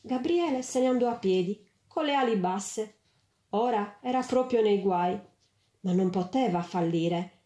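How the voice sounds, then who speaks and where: A woman reading a storybook aloud in an expressive, lively way, in a roomy space. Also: medium pitch, measured pace. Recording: roomy echo.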